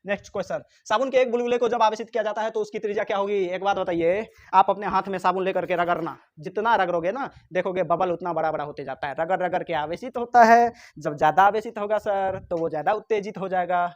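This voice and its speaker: A man's voice: high-pitched, fast, hardly any pauses, muffled recording. A man teaching physics exam questions, teasing and scolding his students, sometimes answering for them. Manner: answers for students himself in their voice. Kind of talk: exam-prep lesson, question by question.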